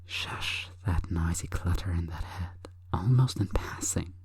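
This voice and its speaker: Delivering a sleep hypnosis session, a woman speaks in an intimate, breathy whisper that is coaxing and deliberate. Her very deep voice carries a darkish tone.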